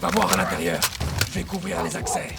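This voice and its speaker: An actor playing a commanding, focused special forces colonel giving terse tactical orders in a video game. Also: male voice, on the high side, big pitch swings, brisk, gravelly, very noisy, full character voice. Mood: focused, low-key.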